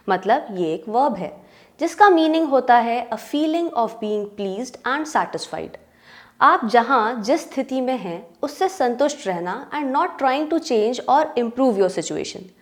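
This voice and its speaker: A woman with a slightly high voice teaches English pronunciation. She explains each word clearly and deliberately. She slows down carefully whenever she reads out an English example sentence.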